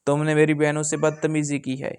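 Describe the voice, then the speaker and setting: A man voicing a harsh, moody young husband, in a gravelly voice. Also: a little high, monotone, a little mellow, lightly acted. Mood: stern.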